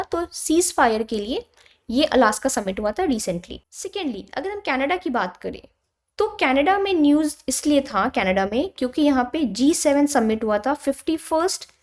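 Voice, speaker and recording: A young woman with an Indian accent and a high voice teaches a geography class. She explains patiently and keeps checking in with her students as she goes. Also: darkish tone. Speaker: exam coaching teacher. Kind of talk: explanatory lecture mixing Hindi and English.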